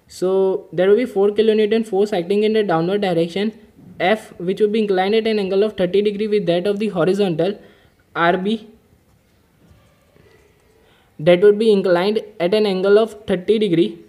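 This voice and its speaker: A man's voice: high-pitched, steady tone, brisk, darkish tone. A man explaining an engineering mechanics problem step by step while drawing diagrams, methodical and patient. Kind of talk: whiteboard-style problem-solving lesson.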